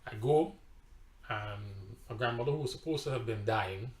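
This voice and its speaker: A pastor with a Trinidadian accent shares his personal testimony in conversation, telling it emphatically as a story and sometimes repeating his words. His voice is medium-pitched at a normal speed, and the recording has a roomy echo.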